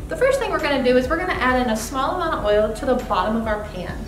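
A young woman with a high, light voice walks through a cooking demo step by step, upbeat and practical. She sounds a little distant from the mic in a roomy space. Background music plays clearly under her. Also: sing-song, quick pace. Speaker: cooking demonstrator. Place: demo kitchen set, indoors.

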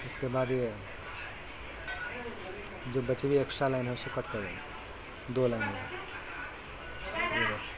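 The man's mid-range voice is unhurried and fairly even, with long pauses. Working as he goes, he casually lays out how to tie fishing hooks step by step, in the plain, instructive manner of a fishing tutorial maker talking while tying knots. A clear recording picks up background insects.

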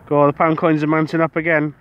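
Excitable British man narrating finds. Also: a little high, quick pace, clear, resonant tone, dull audio. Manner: excitable, talks to the camera about each find. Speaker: metal detectorist. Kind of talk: casual commentary while detecting. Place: outdoors on a beach.

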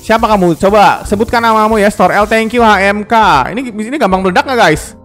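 A man's voice: high-pitched, a little fast, fairly bright tone, faint music behind. A man streaming a game live, chatting casually with viewers, thanking donors and repeating questions to his chat.

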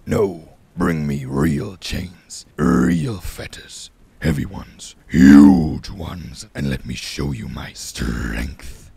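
A man voicing a huge, proud and suspicious male wolf, with slow, menacing, drawn-out words and growled hums. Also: warm tone, dry recording, exaggerated voice. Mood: scornful. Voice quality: deep growling gravelly voice.

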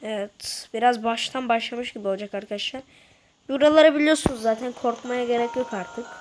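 A woman's voice: fairly high pitch, steady tone, brisk. A woman giving casual commentary to her viewers while playing a game, slightly ill. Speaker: gaming YouTuber.

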